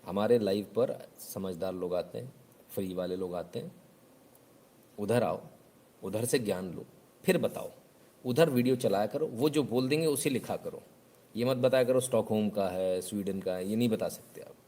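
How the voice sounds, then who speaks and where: A man's voice: on the low side, moderate pace, warm tone. A man, hosting a live news show in casual, sarcastic commentary. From Uttar Pradesh, India. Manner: sarcastic, mocking.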